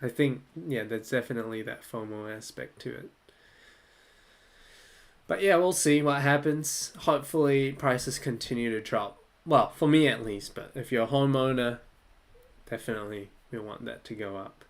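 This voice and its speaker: A man's voice: mid-range voice, normal speed. Young man chatting casually on a livestream. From Malaysia. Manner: relaxed, chatty, laughs often, thinks aloud. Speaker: livestream host answering viewer questions. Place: small room indoors.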